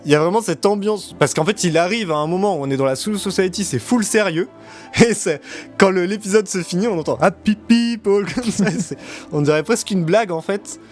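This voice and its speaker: A man's voice: high voice, a little fast, soft background music. A man hosting a casual discussion, speaking hesitantly in short bursts. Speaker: show host.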